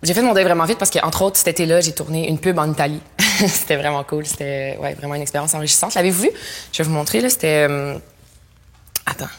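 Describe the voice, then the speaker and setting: A woman's voice: deep voice, quick pace. A woman, an actor giving a rambling, self-promoting mockumentary interview with many hesitations.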